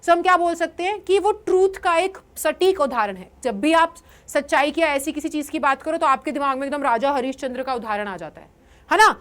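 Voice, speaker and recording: A young Indian woman presents a lively online lesson on English vocabulary, her voice sitting high. She explains things in Hindi, then slowly reads out the English examples.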